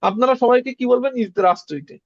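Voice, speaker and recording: A man teaching a casual beginner lesson, repeating words slowly for learners. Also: extremely high pitch, expressive, dry recording, dull audio. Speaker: Russian language teacher.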